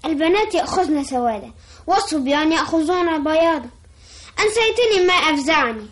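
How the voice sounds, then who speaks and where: Frightened young girl, very high-pitched, urgent, tearful, classical Arabic radio drama. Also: lively intonation, quick pace. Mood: insistent, fearful. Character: frightened, pleading young girl, superstitious little sister.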